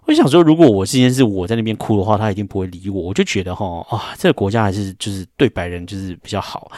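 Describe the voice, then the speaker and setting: A man's voice: fairly low pitch, dry recording, studio quality. A middle-aged man hosting a casual solo podcast, chatty and given to emphatic rants. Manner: chatty, ranting, with emphatic complaints. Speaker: podcast host.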